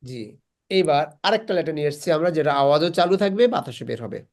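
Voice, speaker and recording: A woman's voice: low-pitched, animated, brisk, a little mellow. A woman teaching Quran recitation in an online class, patiently repeating syllables aloud for students to copy. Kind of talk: slow online class instruction.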